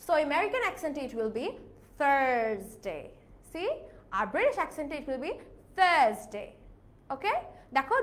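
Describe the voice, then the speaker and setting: A young woman leads a live online pronunciation lesson, mixing Bengali and English. Her voice sits high and swoops up and down a lot. She repeats each word slowly for her students. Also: a bit bright. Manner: switches between Bengali and English, drills words slowly. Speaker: English teacher.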